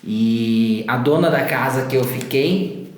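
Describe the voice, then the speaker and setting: Brief: man, Sorocaba interior accent, easygoing teacher-host, mid pitch, roomy echo. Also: slow. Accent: interior São Paulo (Sorocaba). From Sorocaba region, Brazil. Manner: relaxed storytelling with frequent tag questions. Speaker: English teacher co-hosting a podcast. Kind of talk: casual podcast conversation. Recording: echoey room.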